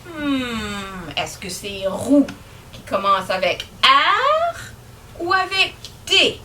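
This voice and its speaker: Lively sing-song Québécois woman teacher. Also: on the high side. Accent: Québécois French. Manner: slow and sing-song, questioning the children. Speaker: children's teacher. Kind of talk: children's lesson.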